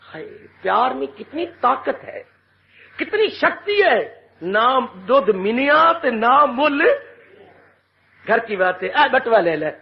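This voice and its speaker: A man from India, a swami, preaches a devotional sermon in a strikingly high voice. He is dramatic and emotional, bursting into shouts and half-sung verses as he tells his stories. The sound is muffled and lo-fi, like a 1980s cassette. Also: big pitch swings, slow, creaky. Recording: dull lo-fi 1980s tape recording.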